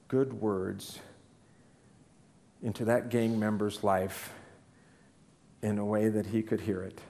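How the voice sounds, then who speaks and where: A man giving a sermon, telling a story in an earnest, unhurried way. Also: fairly low pitch, dark tone, big-room sound. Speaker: preacher.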